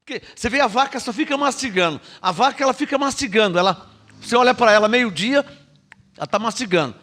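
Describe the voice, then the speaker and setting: A man's voice: very high voice, quick pace. A man with a Brazilian Portuguese accent preaching a sermon, teaching with rhetorical questions and having the congregation repeat his phrases. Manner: lively, frequent rhetorical questions and laughs.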